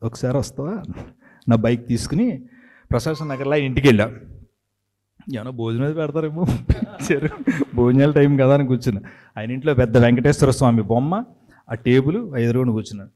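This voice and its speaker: A middle-aged man, a TV anchor who tells stories in an animated way to a hometown audience and acts out the voices he quotes. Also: mid-range voice, fast talker, pauses often. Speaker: TV anchor and creative director telling stories. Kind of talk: storytelling speech to a hometown audience.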